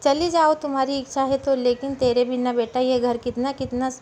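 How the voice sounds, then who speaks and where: An affectionate, reassuring middle-aged father speaking softly to his daughter, read by a woman storyteller. The voice stays fairly high, with faint hiss under it, as in a storybook. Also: level tone, normal speed, close to an everyday voice. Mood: fond.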